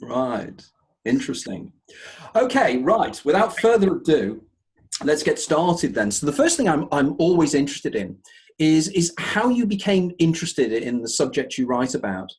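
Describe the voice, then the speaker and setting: A man's voice: fairly high pitch, very animated, normal speed. A man hosting an interview show, enthusiastic and often repeating words as he searches for the next phrase. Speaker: host.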